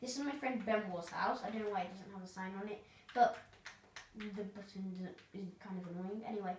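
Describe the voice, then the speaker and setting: A woman's voice: mid-range voice, a little fast, darkish tone. A woman casually narrating a tour of her video game world, rambling and hesitant with lots of fillers. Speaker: gamer giving a tour of their world. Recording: roomy, distant mic, faint noise.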